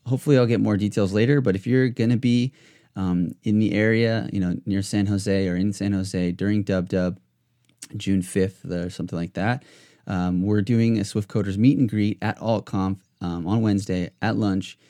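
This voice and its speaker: A man with a fairly low voice hosts a casual podcast. He rambles and restarts his sentences, padding them with fillers as he goes. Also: fairly even intonation, normal speed, dark tone. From United States. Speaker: podcast host.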